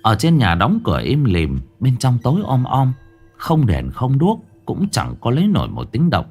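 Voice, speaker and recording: A man narrating a ghost story in an animated, vivid way. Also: mid-range voice, moderate pace, husky, faint music behind.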